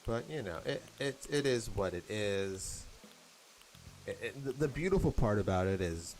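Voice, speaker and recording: A man's voice: fairly low pitch, lively intonation, normal speed, a little mellow. A young American man chatting casually and rambling while he plays a game, laughing now and then. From United States. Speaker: gaming vlogger.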